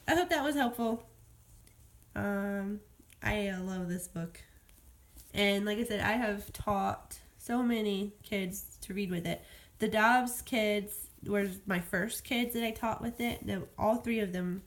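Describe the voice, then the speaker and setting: A woman's voice: medium pitch, vocal fry. A woman who homeschools, talking casually and rambling as she demonstrates letter sounds in a phonics tutorial recorded at home. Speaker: homeschool teacher.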